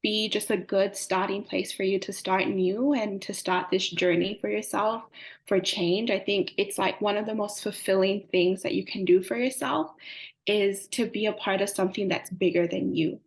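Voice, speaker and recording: A woman's voice: mid-range voice, fairly even intonation, normal speed. A young woman, answering interview questions earnestly with frequent fillers. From Samoa. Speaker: climate advocate guest.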